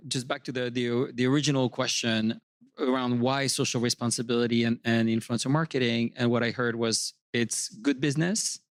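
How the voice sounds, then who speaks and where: A man moderating a live panel, summarizing points and posing questions in a measured way with some restarts. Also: medium pitch, no echo.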